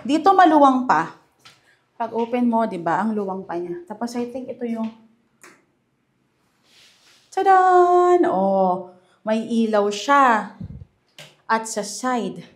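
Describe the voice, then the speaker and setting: A young woman with a Filipino accent giving a casual house tour, chatty and enthusiastic as she points out features room by room. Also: high voice. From Philippines. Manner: chatty and enthusiastic, mixing Tagalog and English. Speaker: real estate house tour host. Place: indoors in a furnished house.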